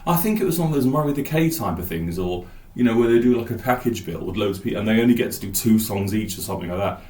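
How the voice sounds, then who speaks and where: A man's voice: lowish voice, animated, fast, warm tone, echoey room. A man hosting a podcast, rambling enthusiastically about an album and thinking aloud. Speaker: podcast host. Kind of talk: casual album talk.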